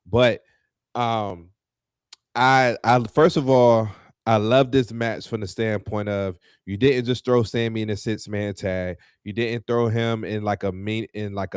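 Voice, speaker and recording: A man with a fairly low voice talks through a casual podcast chat, loose and full of slang, with bursts of heated ranting. His voice sits close and dry on the mic, with no room sound around it. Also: clean tone, no echo. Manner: animated, heated when ranting, lots of fillers and slang. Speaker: podcast co-host.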